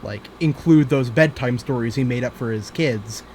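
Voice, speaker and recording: A man's voice: medium pitch, moderate pace, darkish tone, slight background noise. A man co-hosting a podcast, talking in a loose, rambling way with lots of fillers, restarts and swearing. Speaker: podcast co-host. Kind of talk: casual chat.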